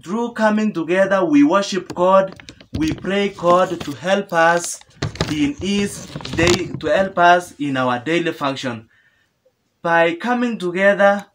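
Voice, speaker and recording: A man's voice: sits high, slow, fairly bright tone, slight background noise. A young man giving an earnest sermon to camera in a small room, asking questions and answering them himself, often repeating and restarting phrases. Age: young adult. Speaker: preacher. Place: small indoor room with sofa.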